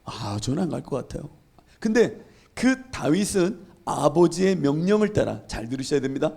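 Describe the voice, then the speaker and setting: A man's voice: on the high side, big pitch swings, moderate pace, vocal fry, darkish tone, husky. A male pastor preaching a sermon, asking the congregation questions and acting out Bible scenes. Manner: asks the congregation rhetorical questions.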